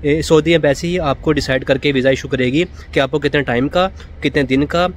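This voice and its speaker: Speaking fairly quickly in a higher voice with fairly even intonation, this Pakistani vlogger in Saudi Arabia explains things over slight background noise. He keeps it casual, circles back to the same points, and slips English words into his speech.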